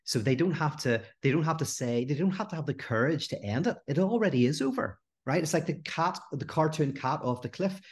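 A middle-aged man, a guest philosopher in an animated podcast conversation who acts out the voices in his anecdotes. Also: a little high, a little fast, few pauses.

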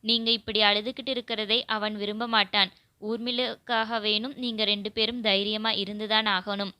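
A woman voicing a soft-spoken young man coaxing grieving women. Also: medium pitch, little pitch movement, moderate pace, clear, resonant tone, no echo, lightly acted.

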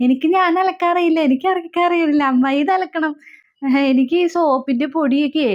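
A woman's voice: sits high, a little fast, muffled recording, close to an everyday voice. Woman playing a whiny pampered teenage girl. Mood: fussy. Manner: whiny, tearful, pleading. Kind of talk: comic family skit.

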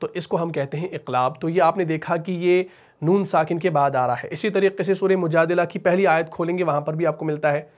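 A man with a Pakistani Urdu accent teaches tajweed in a patient, step-by-step way, asking a question and then answering it himself. His voice sits fairly high for a man. He slows into melodic chanting when he recites the verses. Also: fairly even intonation.

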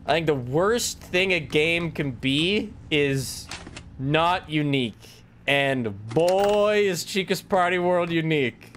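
Lively joking male game streamer. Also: fairly high pitch, takes it slowly, a little hiss or hum. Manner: joking, laughs often, talks to chat. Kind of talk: casual gameplay commentary.

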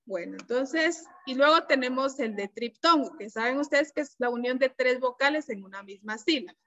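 A woman teacher giving an online class, explaining slowly and patiently and checking often that her students follow. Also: high-pitched, lively intonation, a bit bright. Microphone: computer mic on a video call. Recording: dull, lo-fi video-call audio.

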